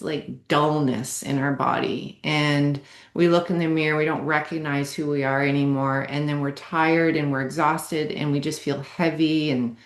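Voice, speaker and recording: A woman's voice: sits low, roomy sound. A woman coach interviewing a client, speaking in an encouraging, affirming way. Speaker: wellness coach and program host. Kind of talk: casual interview.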